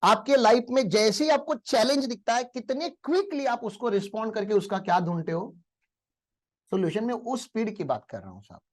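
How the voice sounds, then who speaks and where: A man's voice: sits high, expressive, fairly quick. A male teacher giving a motivational lecture in a classroom, telling stories and asking the class rhetorical questions.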